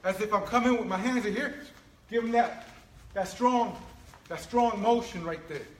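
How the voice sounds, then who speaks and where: A high-pitched male martial arts instructor walks through feints and footwork, keeping up an animated coaching patter. His voice bounces around a roomy training space with faint ambient noise behind him. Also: moderate pace. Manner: animated, coaching with frequent "right?" and "all right?". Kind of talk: instructional demonstration. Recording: echoey room with faint ambience.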